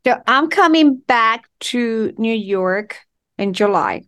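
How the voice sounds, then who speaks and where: A woman from Ecuador, a relationship and intimacy coach, speaking as a guest in an interview, expressive and flowing, stringing words together in slow runs. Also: on the high side, clean tone. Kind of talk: conversational interview.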